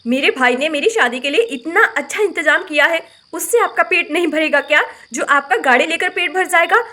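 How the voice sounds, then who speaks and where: Woman voicing a sharp-tongued, outspoken young bride. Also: very high voice, brisk. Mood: indignant. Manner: indignant, blunt, argumentative.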